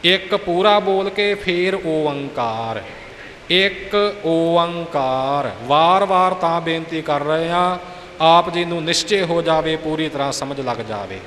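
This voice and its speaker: A man with a Punjabi accent teaches pronunciation in a very slow, deliberate way, stretching each word out. His slightly high voice rings through a large echoey hall, with a faint hiss underneath. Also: a bit bright. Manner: patient, drawn-out demonstrations of each word.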